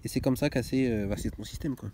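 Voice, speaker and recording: A man's voice: medium pitch, fast talker, warm tone. Slangy young man in a noisy garage. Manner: slangy, swears, keeps saying "tu vois". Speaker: car mechanics vlogger. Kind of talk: casual workshop how-to. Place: garage workshop.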